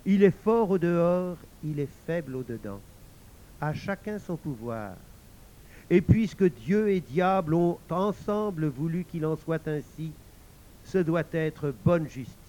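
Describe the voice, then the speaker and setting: A man narrates a folk tale in a slightly high voice. His pace is slow and deliberate, with a scripted, storybook delivery. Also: lively intonation, mellow.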